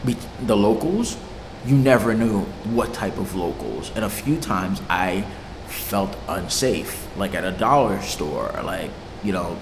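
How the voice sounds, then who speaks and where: Being interviewed, a young music producer who grew up in Haiti speaks in a low voice with lively intonation, a little slowly. He's casual and loose, swearing, using slang and fillers, laughing easily. Long reverb from an echoey room and clear background noise are audible.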